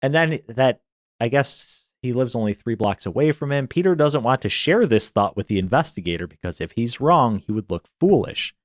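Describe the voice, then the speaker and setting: A man's voice: medium pitch, lively intonation, moderate pace, dry recording, studio quality. A man co-hosting a podcast, recapping a film in casual chat and laughing often as he tells the story. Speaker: podcast co-host.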